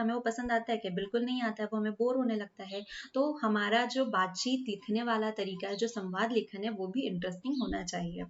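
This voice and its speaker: A woman's voice: on the high side, highs cut off. A woman teacher explaining a school lesson patiently, often asking rhetorical questions and repeating her points.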